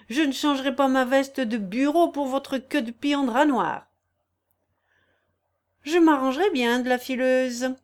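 A woman reading a novel aloud in an expressive, lively way. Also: a little high.

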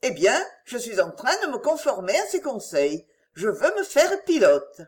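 An earnest young daughter, as a woman narrator voices her, calm and self-assured as she explains herself. Her lines move through a lively, animated melody. A storybook heroine with a matter-of-fact certainty. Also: on the high side, measured pace. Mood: enthusiastic.

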